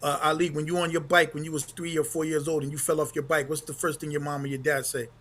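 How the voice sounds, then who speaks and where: A man's voice: fairly high pitch, level tone, fast, a bit bright. A man who runs a men's group, speaking earnestly on a panel and posing questions to the others. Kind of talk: casual panel discussion.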